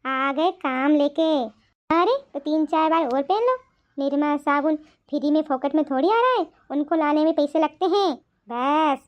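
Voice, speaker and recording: A woman voicing a sharp-tongued young daughter-in-law in a cartoon, scolding and snappy. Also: high voice, normal speed, lightly acted. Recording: slightly dull, music behind.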